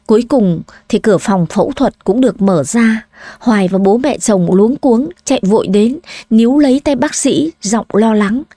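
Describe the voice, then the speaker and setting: A woman narrating a dramatic story in an audiobook, reading slowly and with emotion. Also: on the high side, animated, warm tone, dry recording.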